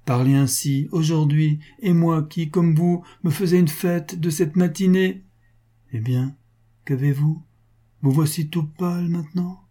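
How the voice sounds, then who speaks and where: A man reading as a cynical rich financier with a dark, husky voice pitched well above the reader's own, coaxing and jovial on the surface. Each sweet word carries cold insistence underneath, in a classic storybook reading. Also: a little slow. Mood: mock-jovial. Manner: wheedling, mock-jovial, coldly insistent. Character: cynical wealthy male financier, falsely affectionate.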